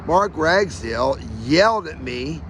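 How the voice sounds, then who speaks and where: A man's voice: fairly high pitch, animated, unhurried, background noise. A man telling his own story in an aggrieved, emphatic rant, his speech slightly slurred by missing front teeth. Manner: aggrieved, emphatic, acts out reported dialogue.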